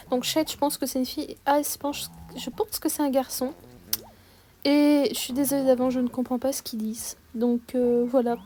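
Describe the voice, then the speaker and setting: A woman's voice: sits high, dark tone. A young woman chatting casually over her gameplay, upbeat and full of fillers and restarts. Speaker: gaming YouTuber.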